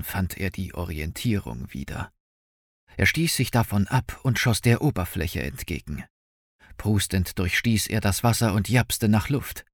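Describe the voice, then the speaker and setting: A man narrating an audiobook with expressive, dramatic storytelling. His fairly low voice ranges widely in pitch, and the recording is dry and close, with no room sound. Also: no echo.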